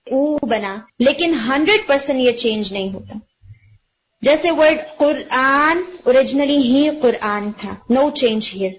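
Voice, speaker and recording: High-voiced woman teaching Quran recitation. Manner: explains patiently, asks students questions and praises answers; mixes English words into Urdu. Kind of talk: online tajweed class. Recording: dull lo-fi audio.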